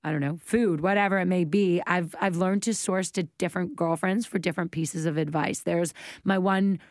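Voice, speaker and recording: A woman's voice: on the low side, fairly even intonation, moderate pace, no echo, clean studio sound. A woman in her late thirties co-hosting a podcast, talking candidly in a casual chat and laughing often. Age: late 30s. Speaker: podcast co-host.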